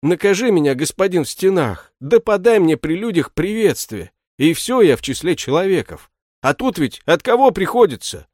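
A man's voice: sing-song, moderate pace, dry recording, studio quality. A man doing a whining shoemaker servant. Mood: pleading lament. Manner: plaintive, pleading, high and loud. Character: whining put-upon male shoemaker servant. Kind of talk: audiobook character reading.

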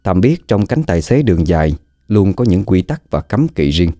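A man narrating a scripted horror story in a slow, dramatic, suspenseful way. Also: deep voice, sing-song, mellow, no room sound.

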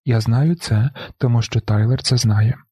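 A man reading a novel aloud in the first person, with a flat, brooding delivery. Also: mid-range voice, measured pace, husky, dry recording, studio quality. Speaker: audiobook narrator.

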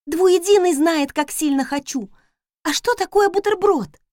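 A woman voicing a jittery young maid, high and eager. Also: sing-song, unhurried, no echo, clean studio sound. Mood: excited. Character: timid excitable young maid.

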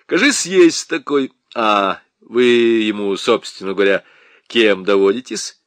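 A man's voice: fairly low pitch, measured pace, no room sound, lightly acted. A man playing a smug, mocking, middle-aged lieutenant in a storybook reading, drawling in a mock-official tone.

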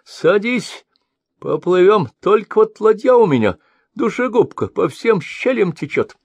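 A man's voice: sing-song, darkish tone, breathy edge, no echo, exaggerated voice. A man reading an audiobook voices a cunning old crone who ferries travelers and mocks them. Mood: sly. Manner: high cracked wheedling old-woman voice, slow and drawn out. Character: cunning old crone ferrywoman, mocking and sly.

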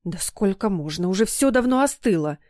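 A woman with a mid-range, slightly mellow voice speaks at a moderate pace, playing a fretful middle-aged mother who sighs as she worries. Her voice is close to an everyday one, captured in studio quality without echo.

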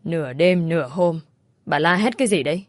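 Woman doing a curt, gruff old father. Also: low-pitched, expressive, a little fast, dry recording, studio quality. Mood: irritated.

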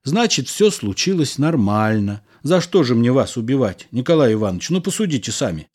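Reading a storybook aloud, a man with a medium-pitched, darkish voice performs a calm, wry middle-aged engineer husband at a fairly quick, very animated clip. The character talks through an awkward scene like a patient lecture, with irony in every turn.

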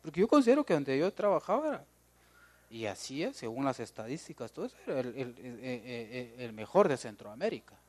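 Lively Guatemalan preacher man. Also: medium pitch, fairly quick. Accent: Guatemalan Spanish. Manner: lively, joking, talks straight to the congregation. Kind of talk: sermon. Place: church.

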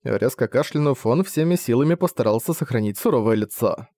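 A male narrator with a mid-pitched voice, reading a fantasy novel aloud at a steady, measured pace. His narration is even and clear. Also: no echo. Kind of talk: audiobook narration.

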